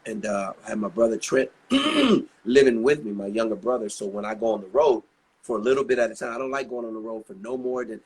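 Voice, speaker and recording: Older man, husky voice, chatty rambling storyteller, interview guest. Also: fairly low pitch, very animated, fairly quick. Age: 60s. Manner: chatty, rambling anecdotes with many asides. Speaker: guest singer.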